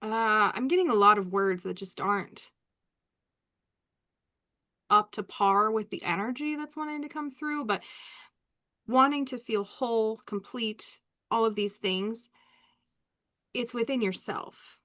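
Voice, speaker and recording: A woman's voice: a little high, a little slow, long pauses, bright, forceful tone. A woman hosting a live spiritual reading, talking in a rambling, candid way and laughing often. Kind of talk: casual live reading chat.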